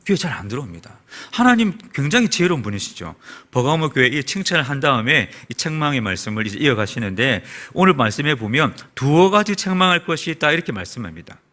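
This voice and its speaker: In a church sanctuary, a South Korean pastor preaches a Sunday sermon to his congregation. He asks them rhetorical questions, his pitch and volume swinging lively as he goes.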